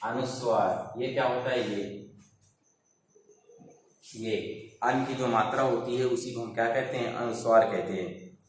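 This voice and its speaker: Slow, echoey male teacher. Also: mid-range voice, far from the mic. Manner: asks questions then answers them himself; slow, repeats terms for pupils. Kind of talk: online Hindi grammar lesson. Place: classroom. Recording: very echoey room, voice away from mic, faint noise.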